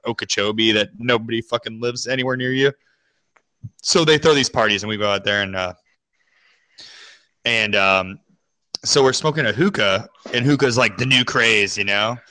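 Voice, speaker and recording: A man's voice: lowish voice, bright, forceful tone, no echo, poor audio. A man telling a rambling, filler-heavy story in casual podcast chat.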